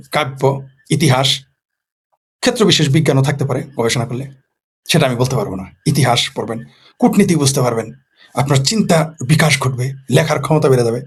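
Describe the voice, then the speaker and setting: A man's voice: mid-range voice, breathy edge. A man from Bangladesh, a political commentator in a casual late-night monologue who poses rhetorical questions and answers them himself.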